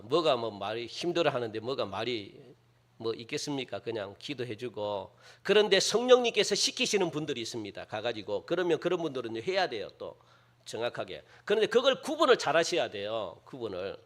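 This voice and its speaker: A middle-aged male pastor giving a lively sermon. He keeps checking in with the congregation and acts out the people he quotes. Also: a little high. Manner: lively, conversational preaching with frequent rhetorical "예?" and "어?"; acts out quoted speakers in shifting voices.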